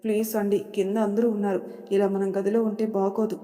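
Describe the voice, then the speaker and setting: A woman voicing a timid young wife who speaks softly and pleads. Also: medium pitch, flat delivery, fairly quick, big-room sound, close to an everyday voice. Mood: pleading. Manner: soft, pleading.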